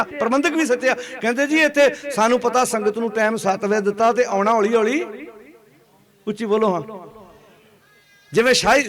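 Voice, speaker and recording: A man giving a Sikh sermon to a congregation and often asking them to answer aloud. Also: sits high. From Punjab. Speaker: Sikh preacher. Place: gathering before a congregation.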